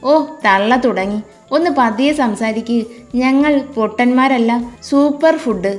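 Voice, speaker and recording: Lady doing a sassy young woman, teasing and sharp, higher voice, soft music underneath. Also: close to an everyday voice. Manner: cheeky, teasing, quick retorts.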